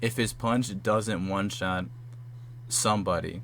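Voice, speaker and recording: A young man with a fairly low voice argues in a loose, casual chat, skeptical and pushing back with question after question. A faint hum sits under the recording. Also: steady tone, a little slow. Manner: skeptical, pressing with repeated questions.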